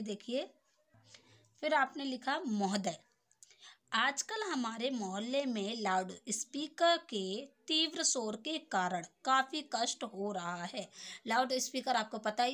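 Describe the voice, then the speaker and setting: A young adult woman with a fairly bright, higher-pitched voice tutors someone informally. She lays things out step by step, frequently adding tag phrases to check that they're keeping up.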